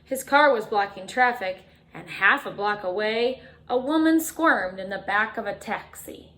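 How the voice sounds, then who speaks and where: A woman reading a picture book aloud to children like a teacher, expressively, with dramatic emphasis and chatty asides. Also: mid-range voice. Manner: expressive, dramatic emphasis, drawn-out refrains, chatty questions to young listeners. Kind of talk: animated children's storytime read-aloud with asides to listeners.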